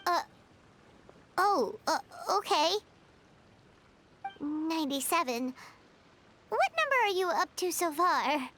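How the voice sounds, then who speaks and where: A woman voicing a tiny, cheery, childlike fairy companion in a video game, bubbly and excitable. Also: extremely high pitch, slow pace, long pauses, a little hiss or hum, exaggerated voice. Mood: polite, put out. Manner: bubbly, refers to self in third person.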